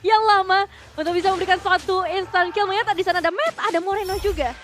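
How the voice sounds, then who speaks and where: A woman with an Indonesian accent giving live commentary as an esports shoutcaster. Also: very high voice, fast. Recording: loud music behind the voice. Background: loud game music.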